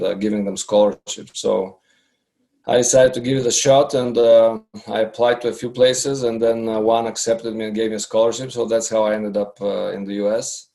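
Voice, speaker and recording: Man, 50s, gravelly and monotone, halting podcast guest. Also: fairly low pitch. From Bulgaria. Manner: hesitant, many fillers and restarts. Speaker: guest, customer researcher. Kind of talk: casual interview talk.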